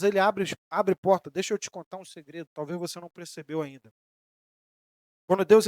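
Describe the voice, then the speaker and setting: High-voiced Brazilian preacher man. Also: no room sound, studio quality. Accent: Brazilian Portuguese. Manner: preaching with emphatic rises and sudden soft drops; voices imagined questions from listeners. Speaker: pastor. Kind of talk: sermon.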